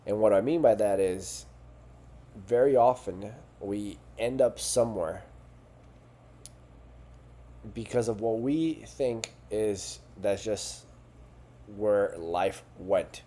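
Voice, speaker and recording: A man's voice: on the low side, takes it slowly, dark tone. A man talking as a fitness and life coach, in an earnest, conversational way with frequent rhetorical questions. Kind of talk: coaching talk to camera.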